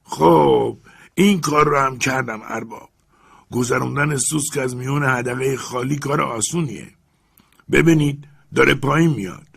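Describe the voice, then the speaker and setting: Narrating an audiobook, a man plays a stubborn, timid old servant calling down to his master from up a tree. He raises his voice loud and far above his own register in a strained, nervous plea, though a husky, gravelly texture still comes through.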